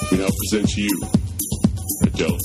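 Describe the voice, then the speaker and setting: An extremely low voice from a male actor makes a grand entrance announcement for a radio show. The delivery is theatrical and solemn, like a grandiose ringmaster, over loud electronic music. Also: steady tone, natural voice. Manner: grandiose, slow dramatic delivery.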